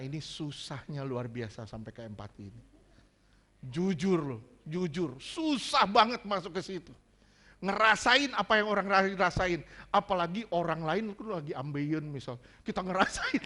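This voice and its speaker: A man preaching a sermon as pastor, joking and animated. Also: high-pitched, moderate pace.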